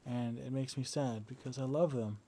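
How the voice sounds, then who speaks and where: Hesitant young man, dark relaxed voice. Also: medium pitch, moderate pace. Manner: hesitant, many fillers and restarts; relaxed, lying down while talking. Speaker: video diarist. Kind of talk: casual personal video diary. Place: indoors, at home lying down. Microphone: battery-powered camera device.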